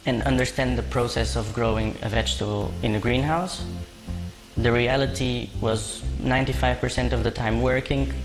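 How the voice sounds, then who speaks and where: A former intern, a man, speaking in a calm, measured way in short phrases, his voice disguised by shifting it deeper. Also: over music, low-quality recording. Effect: voice disguised, pitch shifted deeper.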